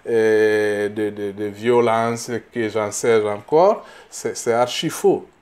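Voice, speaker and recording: A middle-aged political candidate from Burkina Faso answers interview questions in a lowish, darkish-toned voice. He speaks slowly and haltingly, repeating small words while searching for the next one, and grows emphatic on his key points.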